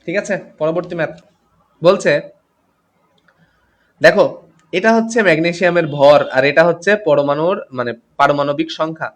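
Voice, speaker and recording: Tired tutor, high voice. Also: male voice, steady tone, moderate pace, pauses often. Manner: reads out comments and greets students by name, mixes English terms. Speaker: chemistry tutor. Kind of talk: live online class teaching.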